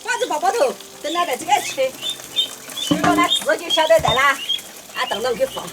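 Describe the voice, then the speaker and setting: High-pitched, lively Sichuanese woman chatting. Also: brisk, very noisy. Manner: exclamatory, repeats short phrases. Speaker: family vlogger. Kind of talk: casual family chat outdoors. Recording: background music.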